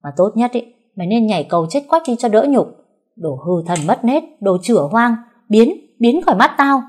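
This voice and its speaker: A vicious older mother-in-law shrieks abuse in a storybook reading, as a woman puts her on. Her voice climbs high and loud, with a husky edge left underneath. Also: animated, fairly quick, close to an everyday voice. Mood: furious. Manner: shrill insulting shouting.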